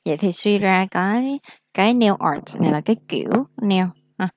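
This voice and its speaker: A woman teaching English vocabulary in a casual lesson, explaining slowly and repeating each word for practice. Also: medium pitch, animated, dry recording, studio quality.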